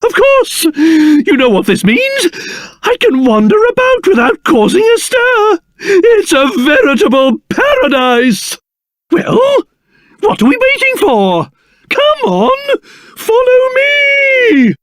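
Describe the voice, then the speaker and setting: A man's voice: very high-pitched, sing-song, takes it slowly, dry recording, studio quality, full character voice. King Trode, swooping, pompous British old king. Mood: jolly, eager. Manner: theatrical, blustering, old-fashioned posh phrasing. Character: pompous, excitable, fatherly old king, easily outraged. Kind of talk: video game character voice acting.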